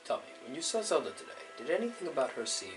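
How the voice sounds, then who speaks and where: A gentle old father speaking quietly and breathily, voiced by a man. He keeps his tone low-key and caring. Game music plays clearly in the background. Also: big pitch swings, racing.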